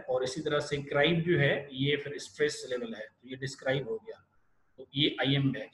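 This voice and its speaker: A man giving an online literature lecture. He explains step by step and often pauses, restarts and fills gaps. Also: a little high, a bit bright. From Pakistan. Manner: explanatory, many fillers and restarts. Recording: echoey room with faint hiss.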